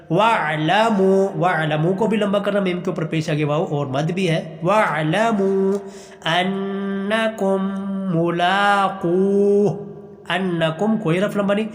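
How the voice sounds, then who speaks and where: High-pitched male Quran tutor, patient, stretches verses then explains fast; roomy echo. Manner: slow drawn-out recitation between quick explanations; patient, repeats and urges practice. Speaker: Quran teacher. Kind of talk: Quran recitation lesson. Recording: echoey room with long reverb.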